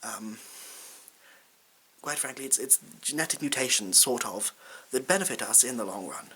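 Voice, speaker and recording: A man playing a bumbling, self-important supply science teacher in an ASMR role-play, hesitant and rambling, with deadpan asides. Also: mid-range voice, normal speed, breathy edge. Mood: flustered stalling. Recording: hissy background noise.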